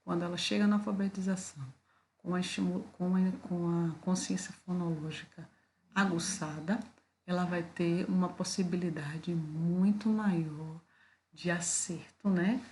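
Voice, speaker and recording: Brazilian woman, lowish voice, patient explainer for a video lesson, slight background hiss. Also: steady tone, measured pace, a little mellow. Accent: Brazilian Portuguese. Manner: explanatory, with frequent "tá?" and "né?" check-ins. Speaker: teacher. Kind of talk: video lecture.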